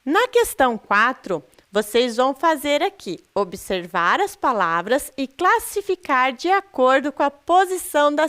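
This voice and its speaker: A middle-aged Brazilian woman leads a video lesson for sixth graders at an unhurried pace. She keeps asking the class questions and stresses each syllable, her voice rising and falling in a lively way. The tone is clear and smooth. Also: sits high. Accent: Brazilian Portuguese. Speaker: teacher.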